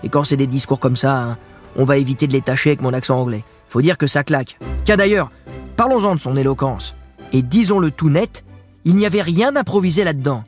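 A man's voice: medium pitch, fairly quick, soft background music. A man giving scripted history narration with casual asides, talking straight to the listener in a chatty way. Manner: chatty, addresses the listener directly.

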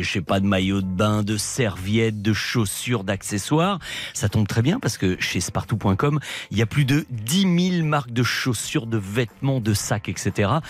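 A man's voice: lowish voice, breathy edge. A man hosting radio, announcing prizes and links in chatty, improvised promotional patter. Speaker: radio host.

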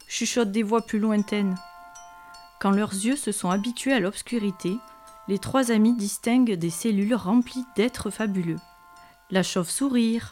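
Woman reader, expressive children's storybook narration, mid pitch, faint music underneath. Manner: expressive, lively reading with character voices. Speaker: storyteller from a media library. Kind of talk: storybook read-aloud.

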